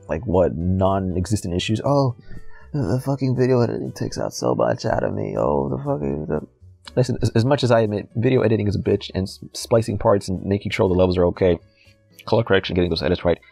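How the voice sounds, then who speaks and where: Gravelly low-voiced man ranting. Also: warm tone. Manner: profane, heated and sarcastic. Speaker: YouTube commentator. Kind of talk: ranting commentary vlog.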